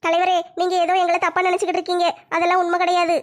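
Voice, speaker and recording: A high, rapid voice of a poor village mother, as a woman acts her out, begging the village head for mercy. Her pitch stays narrow and level, and the words tumble out quickly. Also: monotone. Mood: pleading. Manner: pleading, apologetic, speaks fast and high. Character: tearful poor village mother, pleading and meek. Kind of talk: family comedy skit.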